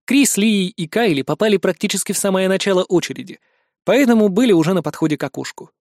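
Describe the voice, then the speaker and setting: A man's voice: high-pitched, expressive, fast talker, a little mellow, dry recording, clean studio sound. Man narrating an action audiobook. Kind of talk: first-person fiction narration.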